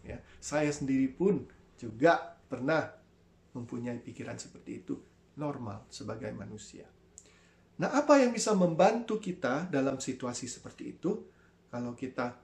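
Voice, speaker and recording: A pastor giving an online sermon in an animated way, often addressing listeners as brothers and sisters and acting out voices. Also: mid-range voice, vocal fry, roomy sound. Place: church.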